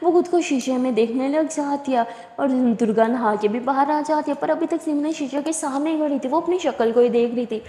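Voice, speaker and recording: A woman's voice: sits high, fairly quick, few pauses, mellow. A woman narrating a love story in an easy, conversational storytelling way, with an echoey room behind her. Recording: echoey room with long reverb.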